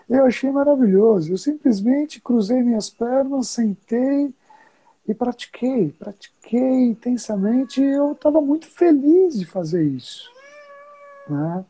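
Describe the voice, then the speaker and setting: A Brazilian woman speaks as a Buddhist teacher in relaxed conversation. Her voice is very dark and mellow, with a husky edge. She tells stories in an unhurried way, chuckling as she goes. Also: a little high, low-quality recording. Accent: Brazilian Portuguese. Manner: storytelling, chuckles often, drawn-out pauses. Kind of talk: casual conversation.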